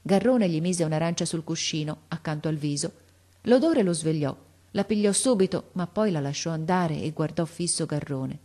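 A woman narrating a classic novel as an audiobook, in a steady, expressive reading. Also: low-pitched, moderate pace.

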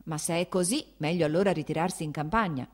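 A woman's voice: sits low, quick pace. A woman reading an audiobook, voicing an anxious older princess who pleads and protests, close to tears. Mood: defensive. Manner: pleading, nearly tearful.

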